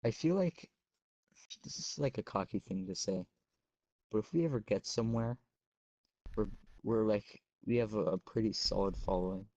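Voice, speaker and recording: A man's voice: lowish voice, normal speed, pauses often, dark tone, no room sound, muffled recording. A young man co-hosting a podcast in casual, rambling chat with lots of fillers. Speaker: podcast co-host.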